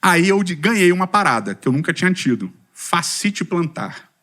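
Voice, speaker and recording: Speaking to a church community in a high-pitched voice at a moderate pace, a middle-aged Brazilian man shares a funny personal testimony in a Brazilian Portuguese accent. He tells his story in a lively way, pokes fun at himself and puts questions to the audience.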